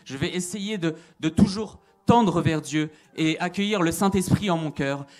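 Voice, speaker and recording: A man's voice: on the high side, moderate pace, darkish tone. A man giving an earnest religious testimony, repeating phrases and hesitating with fillers. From Italian. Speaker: testimony speaker.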